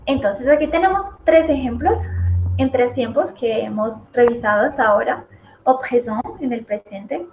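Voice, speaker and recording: A woman's voice: fairly high pitch, moderate pace, a little mellow. A woman teaching a French lesson in Spanish, explaining each example step by step and repeating it. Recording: echoey room, dull lo-fi audio, noisy.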